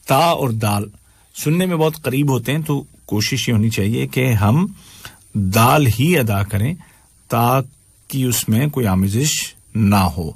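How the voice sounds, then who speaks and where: Male recitation teacher from Pakistan, patient, explains sounds then chants slowly, mid-pitched, dry close sound. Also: creaky, slightly rough, no room sound. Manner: patient, corrects pronunciation step by step, recites verses slowly in a drawn-out chant. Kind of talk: tajweed lesson, explaining and reciting.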